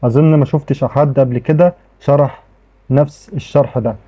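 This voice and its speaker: A man with an Egyptian accent walks through a casual screen-recorded tech tutorial in a medium-pitched, steady voice at a moderate pace. He's chatty, says "okay" a lot, and keeps restarting his sentences. The audio sounds tinny, like a phone.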